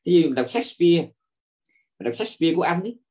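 A man's voice: on the high side, very animated, fast, a little mellow. A man, a Buddhist monk, giving a dharma talk to a class, lecturing with rhetorical questions and repeating filler words as he searches for the next thought.

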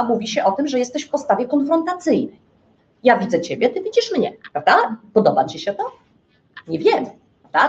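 A woman's voice: a little high, a little mellow. A woman giving a live astrology lecture, who keeps checking in with her listeners and asks rhetorical questions, then answers them herself. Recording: dull lo-fi lecture recording.

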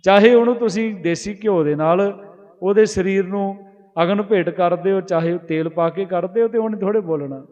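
A man preaching a sermon, chanting scripture lines slowly and explaining them plainly, and asking his listeners direct questions. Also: high-pitched, darkish tone, in a large hall, dull audio. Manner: slow, drawn-out recitation of verses between plain explanation. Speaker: Sikh preacher giving scripture commentary.

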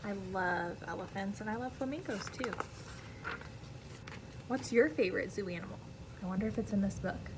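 In an indoor classroom, an American woman in roughly her thirties reads a children's picture book aloud the way a teacher would, expressive and careful, adding friendly asides for young listeners. Her voice sits at medium pitch and moves at a normal speed, with frequent pauses, and the background is noisy.

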